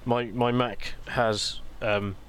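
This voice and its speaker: A man in casual podcast chat, talking at a middle pitch. He is chatty and laughs easily. He often restarts his sentences as he goes. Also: level tone, slow pace, a bit bright, smooth. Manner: chatty, laughs easily, trips over words. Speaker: podcast co-host.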